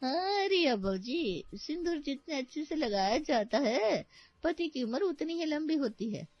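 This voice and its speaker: A shrill, meddling village laundry woman with a Bhojpuri lilt. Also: expressive, no echo. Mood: nosy, preachy. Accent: Bhojpuri-flavoured Hindi. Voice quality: high, drawn-out, sing-song. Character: chatty middle-aged female village laundry worker, meddling. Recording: dry, slightly dull recording.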